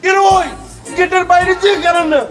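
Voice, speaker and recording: A man's voice: extremely high pitch, steady tone, fast, a crowd in the background. A man playing a stern male master of the house who scolds his gatekeeper in a comic drama. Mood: scolding. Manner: scolding, orders the gatekeeper about. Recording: distant voice over background music.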